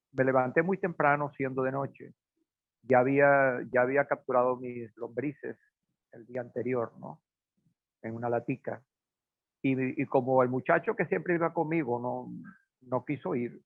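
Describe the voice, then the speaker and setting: Gravelly guy rambling through a childhood story, lots of ums, tinny dry phone sound. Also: mid-range voice, no room sound. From Portugal, raised in Venezuela. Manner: hesitant, many fillers and restarts. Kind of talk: casual conversation, personal storytelling.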